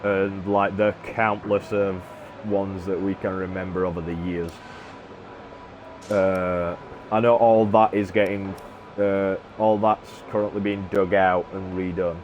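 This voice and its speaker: A man's voice: sits low, measured pace, dull audio. A man chatting casually as a gaming streamer during a racing game, rambling with many filler sounds. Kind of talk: casual chat while playing a racing game. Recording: steady background noise.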